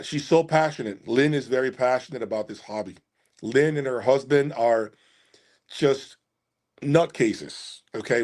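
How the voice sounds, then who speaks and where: The host of an audio gear channel, a man with a medium-pitched, darkish voice, answers viewers during a casual livestream about audio equipment. He speaks emphatically, repeating phrases to drive his points home.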